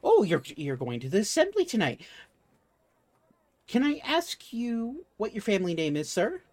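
A man's voice: sits high, wildly swooping pitch, moderate pace, a little mellow, voice pushed up, exaggerated voice. A man voicing an eager female warforged shopkeeper with a gushing, fussy manner. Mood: sweet.

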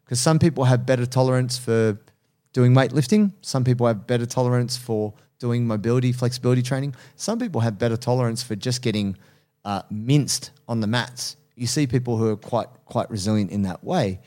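A man's voice: medium pitch, fairly quick, warm tone. A man in his thirties, a strength coach and personal trainer, talking candidly and earnestly in casual podcast chat, laughing easily.

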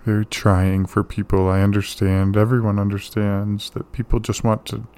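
Man, soothing bedtime relaxation host, mellow soft-edged tone, very even melody, gentle pauses. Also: lowish voice. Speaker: host of a sleep relaxation show. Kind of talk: calm bedtime relaxation monologue.

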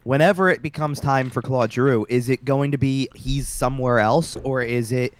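A man's voice: mid-range voice, moderate pace, dry recording. A man co-hosting a casual sports podcast, often restarting and repeating words as he makes his point. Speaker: podcast co-host.

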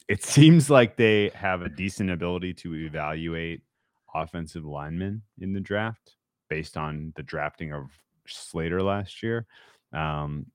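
Deep-voiced man, dry close sound. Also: smooth, dry recording. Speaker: podcast co-host. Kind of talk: casual sports chat.

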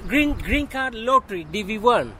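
A man's voice: high voice, sing-song, normal speed, bright, forceful tone, breathy edge. A man from Tanzania with a Tanzanian accent, chatting casually and often repeating his phrases. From Tanzania, East Africa. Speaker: passer-by chatting on a livestream. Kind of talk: casual street chat. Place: outdoors on a city street beside a car. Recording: street noise, car ambience.

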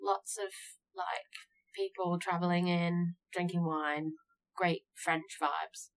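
A woman co-hosts a podcast in casual chat, talking bluntly and jokingly in a slow, low-leaning voice. She sits in a small booth, sharing the room with her co-host, and the recording is rough.

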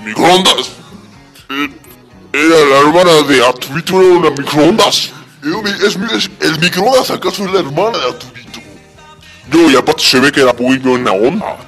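A man hosts a comedy radio skit and talks in a playful, joking manner. His voice sits a bit high. Faint music plays underneath. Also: normal speed, a bit bright. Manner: playful, laughing.

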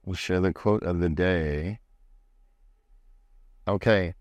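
A man hosting a podcast, chatting in a relaxed, agreeable way and reading quotes aloud. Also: low-pitched, slow, no echo. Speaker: podcast host. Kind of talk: casual podcast conversation.

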